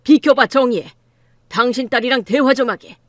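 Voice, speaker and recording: A woman's voice: a little high, moderate pace, no echo, studio quality, close to an everyday voice. A woman voicing an arrogant, crude middle-aged man who runs a law firm, in an audiobook drama reading, talking in a sneering, bullying way.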